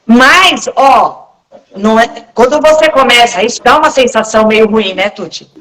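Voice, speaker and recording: She is a Brazilian woman chatting with friends in a live talk. Her voice sits a little high, and she speaks bluntly and frankly, slipping into voices to act out what other people said. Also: normal speed, a bit bright, poor audio. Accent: Brazilian Portuguese. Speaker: guest in a live group talk. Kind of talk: casual conversational talk.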